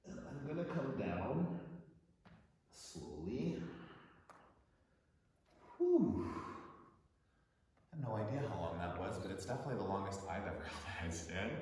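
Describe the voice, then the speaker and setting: A man's voice: lowish voice, lively intonation, a little fast, darkish tone, a little hiss or hum. A man leading a yoga session, encouraging his students and laughing often. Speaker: yoga teacher. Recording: very echoey room, long reverb, distant mic.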